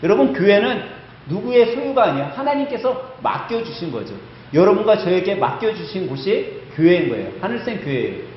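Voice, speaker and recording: A male pastor with a high voice preaches in a church sanctuary, very animated and fairly quick, emphatically telling a story and firing rhetorical questions at the congregation. The recording has slight background noise, with the hall's echo giving it a somewhat dull sound.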